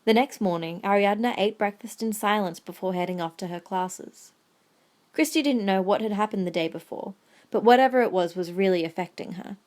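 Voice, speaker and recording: A woman narrates an audio drama, reading scripted story passages in a medium-pitched voice with a darkish tone.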